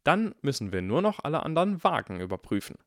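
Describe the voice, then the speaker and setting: A man voicing an eager, clever young schoolgirl who talks briskly in a storybook reading. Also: medium pitch, sing-song, vocal fry, no room sound, studio quality, pitched above the performer's own voice.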